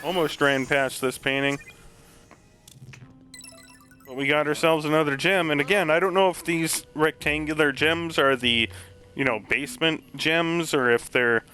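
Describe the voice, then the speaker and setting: A man's voice: mid-range voice, bright, forceful tone, poor audio. A man giving casual, rambling commentary while playing a video game, full of joking asides. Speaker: gaming channel host.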